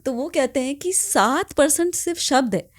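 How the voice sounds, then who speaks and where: A woman's voice: sits high, expressive, normal speed, no room sound. Woman explaining in a dry studio. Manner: explains with demonstrations, mixes Hindi and English. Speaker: guest image consultant. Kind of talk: podcast conversation.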